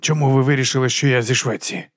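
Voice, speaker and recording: A man's voice: medium pitch, steady tone, fast talker, no echo, clean studio sound, lightly acted. A man voicing a friendly, talkative male tourist who chuckles as he chats, as an audiobook character. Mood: cheerful.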